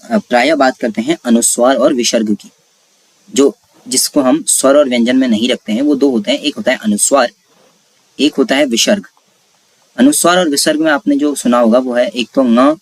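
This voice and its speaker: A man at a middle pitch teaches a grammar class for exam preparation. He moves step by step, asking questions and then answering them himself. The recording is dry and close. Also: no echo. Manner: explains step by step, asks and answers his own questions. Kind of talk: exam-prep classroom lesson.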